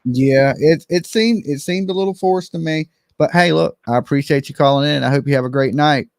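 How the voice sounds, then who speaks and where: A man's voice: on the high side, a little fast, creaky, no echo. Plain-spoken man hosting, dry close sound. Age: middle-aged. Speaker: call-in show host. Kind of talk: casual live commentary and chat.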